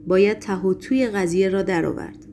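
A woman reading a storybook voices a frantic, agitated young male poet who shouts accusations. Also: medium pitch, slight background noise, lightly acted. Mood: puzzled. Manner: raised, urgent, accusing delivery.

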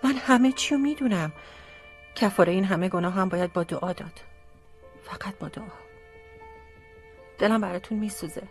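A heartbroken, devout young woman, voiced by an actress, quiet and earnest yet set in her choice. Her voice sits at an ordinary pitch, with faint music behind in this radio drama. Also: long pauses, lightly acted. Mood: resolute. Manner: soft, earnest and resolute.

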